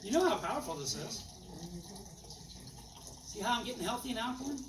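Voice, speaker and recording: A man's voice: extremely high pitch, a little fast. Folksy man demoing to a room. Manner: folksy, animated, acts out dialogues with changing voices. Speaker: presenter demonstrating water machines. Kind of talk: live sales demonstration to an audience. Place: room with a live audience. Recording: echoey room, distant mic, loud background noise.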